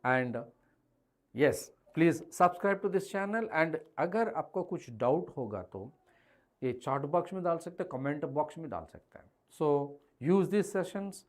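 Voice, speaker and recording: A man's voice: a little high, expressive, rapid-fire. A man with an Indian accent lecturing in a live online class, emphatic and repeating key phrases, mixing English with Hindi. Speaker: chemistry teacher.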